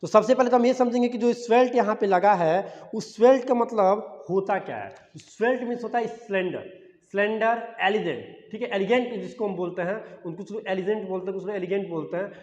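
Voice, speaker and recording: Male exam-prep tutor, high voice, drills words by repetition; dull lo-fi audio with reverb. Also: fairly quick, a little mellow. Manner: repeats key words as questions to the class. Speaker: English teacher for exam prep. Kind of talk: explanatory classroom-style lesson.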